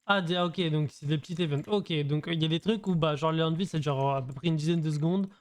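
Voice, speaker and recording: A man's voice: fairly high pitch, fairly even intonation, quick pace, no echo. A young man giving casual, slangy gameplay commentary, thinking aloud as he goes. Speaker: gaming video creator. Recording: voice over music.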